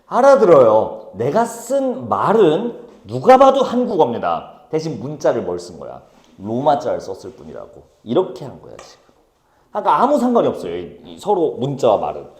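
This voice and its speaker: A man teaching a high school Korean class, brisk and teasing, calling on students by name. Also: wildly swooping pitch. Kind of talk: classroom lecture. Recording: echoey classroom.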